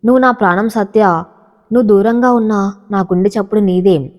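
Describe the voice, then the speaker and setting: A woman voicing a gentle, devoted young farmer. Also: medium pitch, moderate pace, big-room sound, natural voice. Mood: tender. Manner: reassuring, earnest.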